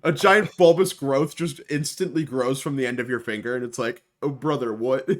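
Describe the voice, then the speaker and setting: A man's voice: mid-range voice, moderate pace. A man, a podcast co-host, chatting casually, joking and laughing often. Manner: jokey, laughs often, exaggerates for laughs. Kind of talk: casual chat.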